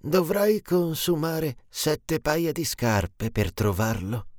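A man putting on a slow old sorceress. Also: fairly high pitch, sing-song, darkish tone, no echo, studio quality, voice pushed up. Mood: solemn. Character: old female sorceress, mysterious.

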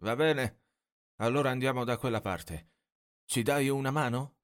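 A man reading a storybook and voicing a kind grandfather who speaks in a calm, caring way. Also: medium pitch, unhurried, voice pushed up, lightly acted.

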